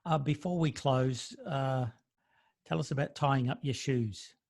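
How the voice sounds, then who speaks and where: A man hosts the podcast in a loose, casual interview style. His voice is medium in pitch. He teases his guest and leans into jokes between questions. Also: measured pace, darkish tone. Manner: jokey, playful banter. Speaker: podcast host.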